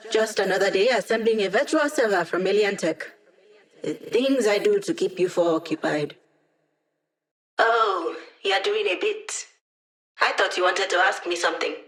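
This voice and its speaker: A woman's voice: medium pitch, lightly acted. A young hacker ally from a video game, played by an actress. She is playful and wry. Her delivery is casual, full of teasing asides. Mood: focused, brisk, then playful, offhand.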